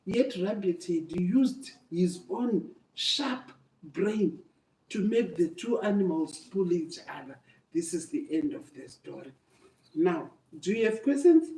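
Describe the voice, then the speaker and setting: This older woman's voice is lowish, mellow and expressive, and she speaks slowly. She narrates an animated tale to children, stressing words, repeating phrases and sounding like a teacher. The recording comes from a mic set well back in an echoey room.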